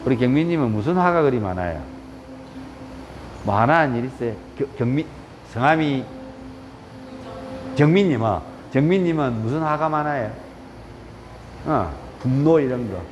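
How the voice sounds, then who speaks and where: Chatty yoga teacher. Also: male voice, medium pitch, lively intonation, moderate pace, pauses often, slight background noise. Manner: chatty, teasing, counts poses aloud. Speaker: yoga instructor. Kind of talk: live yoga class teaching. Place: yoga studio. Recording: echoey hall with faint room ambience.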